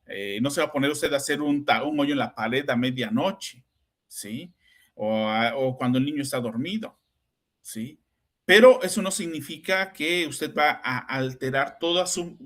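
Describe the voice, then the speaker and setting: A man's voice: on the high side, a bit bright. A middle-aged Mexican man, a psychoanalyst hosting a podcast, telling anecdotes in a chatty way and often ending with tag questions. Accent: Mexican Spanish. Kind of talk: conversational storytelling.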